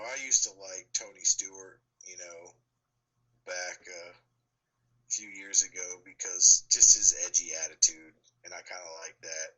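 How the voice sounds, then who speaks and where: Male sports co-host, opinionated and rambling, lowish raspy voice with real bite. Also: bright, forceful tone, poor audio. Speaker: sports talk show co-host. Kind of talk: casual sports chat.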